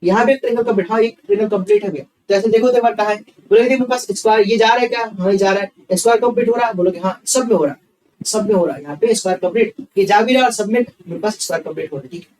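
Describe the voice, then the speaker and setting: A man's voice: high-pitched, very fast, a little mellow, recorded from a distance, a little hiss or hum, rough recording. A man teaching reasoning. He works through sums aloud, asks questions and answers them himself, and keeps repeating each step. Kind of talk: online exam-prep class.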